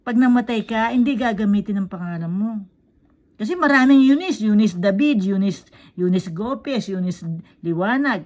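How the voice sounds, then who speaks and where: A woman's voice: mid-range voice, lively intonation, normal speed, darkish tone. Woman telling a child a story. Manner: quizzing, checks in with "tama?" after each point. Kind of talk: casual storytelling in mixed Tagalog and English.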